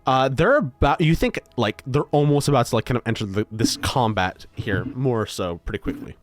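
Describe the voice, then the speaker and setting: A man's voice: mid-range voice, lively intonation, moderate pace. A man running a tabletop game as game master, narrating in a loose, rambling way full of ums and likes.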